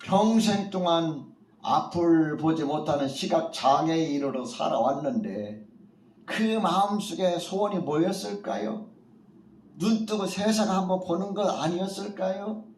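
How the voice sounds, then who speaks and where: A man's voice: high voice, unhurried, a little mellow, a little hiss or hum. A male pastor giving a morning sermon in a church, telling the story vividly and acting out the voices he quotes. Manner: storytelling preacher who acts out quoted voices. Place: church at a morning prayer meeting. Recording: echoey church hall from far off.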